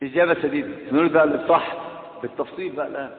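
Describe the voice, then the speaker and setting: A man's voice: on the high side, steady tone, racing. A man with an Egyptian accent giving a religious lesson to students, questioning the class and mixing classical with colloquial Arabic. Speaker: religious teacher. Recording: echoey hall, tinny lo-fi sound.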